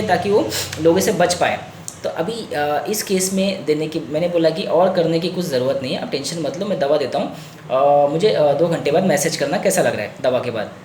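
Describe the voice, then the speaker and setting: A man's voice: a little high, darkish tone. A man who is a doctor, explaining a patient case in a hesitant lecture with many fillers and English words mixed in. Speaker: homeopathy doctor. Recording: echoey room with faint noise.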